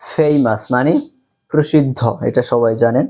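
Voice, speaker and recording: A man's voice: medium pitch, fairly even intonation, moderate pace, warm tone. A man teaching English vocabulary, patiently repeating each word several times for students to copy. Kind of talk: slow vocabulary lesson, repeat-after-me drills.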